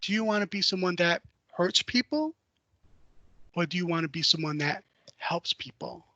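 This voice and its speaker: Guy doing a stern mom lecturing her kid, quick and firm, bright voice. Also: high-pitched, lively intonation, dry recording, muffled recording. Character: stern loving mother, firm and earnest.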